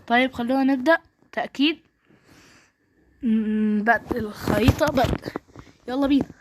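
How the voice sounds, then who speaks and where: High-voiced Egyptian woman trash-talking through gameplay. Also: normal speed, a little hiss or hum. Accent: Egyptian Arabic. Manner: excitable trash-talking in short bursts. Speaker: gaming streamer. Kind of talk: live gameplay commentary.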